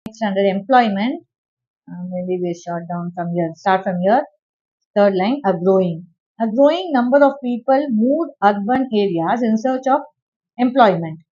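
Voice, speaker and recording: A woman teacher reading a textbook aloud and dictating answer points to her students, with quick asides between passages. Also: mid-range voice, lively intonation, warm tone. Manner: reads text aloud, then gives quick asides to students. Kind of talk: classroom lesson dictating notes. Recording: dull lo-fi recording.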